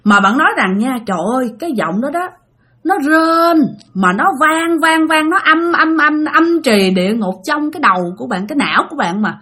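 A woman's voice: high-pitched, moderate pace. A woman with a Southern Vietnamese accent telling a ghost story, talking straight to her listeners. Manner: animated, addresses listeners directly. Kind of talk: spoken ghost story narration.

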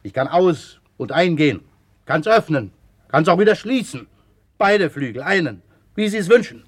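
A man's voice: fairly high pitch, expressive, moderate pace, husky, no room sound. A polite hired handyman in a radio play, earnest and deferential, eager to please. His voice is dry and close, with no room around it. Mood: assured.

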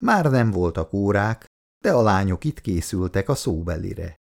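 A man reading a story aloud as narrator, in a gravelly voice. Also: low-pitched, expressive, a little mellow.

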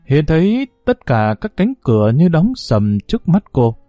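Male storyteller for an audiobook, calm and even, dry close sound. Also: on the high side, unhurried, no room sound, soft background music. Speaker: audiobook narrator. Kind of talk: storytelling narration.

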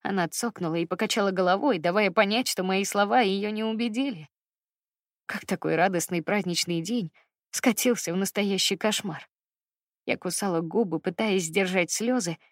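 A woman's voice: mid-range voice, dry recording. A woman narrates a story in the first person and reads it with feeling. Her voice sits in the middle range for a woman. The recording is close and dry, with no room sound. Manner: emotional first-person reading. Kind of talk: expressive audiobook reading.

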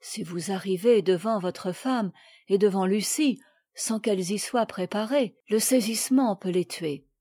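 A woman reading the lines of a calm, grave older gentleman in a storybook, soft and measured. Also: mid-range voice, husky, no echo, studio quality.

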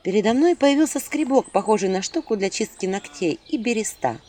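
A woman narrating a fantasy story in the first person, in a lively, wry manner. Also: mid-range voice, brisk, slight background noise.

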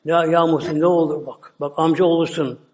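A man's voice: on the high side, steady tone, fairly quick, darkish tone, distant mic, close to an everyday voice. A man voicing a rich scheming man who begs desperately for mercy. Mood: pleading. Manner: pleading. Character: rich scheming man Korah, begging in terror.

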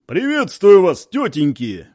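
A man voicing a loud, brash male army deputy commander who bellows at a crowd and shouts orders. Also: sits high, big pitch swings, measured pace, full character voice. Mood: bellowing.

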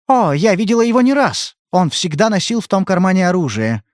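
A man reading an audiobook, voicing a frightened young woman who pleads in a soft, trembling way. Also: high voice, very animated, fairly quick, no echo, clean studio sound, pitched above the performer's own voice. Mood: earnest.

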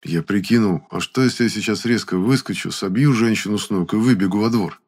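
A man narrating an audiobook in the first person with an even storytelling delivery. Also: lowish voice, brisk.

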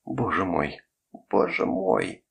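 A man voicing a frightened young mother in a raised falsetto, as an audiobook character. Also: sing-song, moderate pace, gravelly, sharp tone, breathy edge, full character voice. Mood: panicked.

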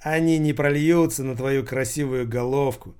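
A man's voice: medium pitch, normal speed, a little mellow, clean tone, close to an everyday voice. A man doing a mocking, sly businessman. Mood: teasing. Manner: teasing, mocking tone. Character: mocking male retail businessman, playful and sly.

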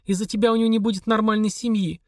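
A man doing a raspy, desperate wife. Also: sits high, level tone, very fast, darkish tone, dry recording, clean studio sound, voice pushed up. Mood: accusing. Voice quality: hoarse whispery. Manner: pleading then hissing with hatred. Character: worn-down, desperate, bitter wife.

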